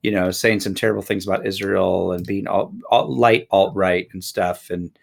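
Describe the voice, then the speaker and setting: A man's voice: low-pitched, fairly even intonation, normal speed, creaky. A man co-hosting a podcast in casual political talk, tired from an early start, often stammering and repeating words as he begins. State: tired, up since early morning. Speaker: podcast co-host.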